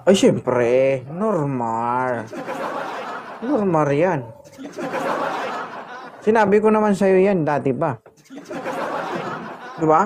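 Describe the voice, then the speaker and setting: A man's voice: on the high side, expressive, drawn-out words, pauses often, background noise. A man hosting a casual livestream, teasing his partner and thanking gifters by name. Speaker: livestream host.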